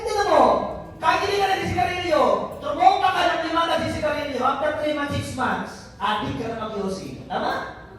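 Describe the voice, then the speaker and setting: High-voiced joking man in echoey hall. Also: fairly bright tone, distant mic, slight background noise. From Albay, Philippines. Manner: joking, teasing, keeps quizzing the crowd. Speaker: business mentor and motivational speaker. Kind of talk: motivational speech to a live audience. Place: event venue hall, indoors. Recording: very echoey event hall, picked up from afar.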